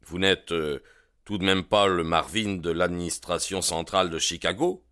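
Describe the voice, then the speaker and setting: A man's voice: low voice, normal speed, bright, forceful tone. A man reading a defiant, touchy young tough. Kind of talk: audiobook character reading.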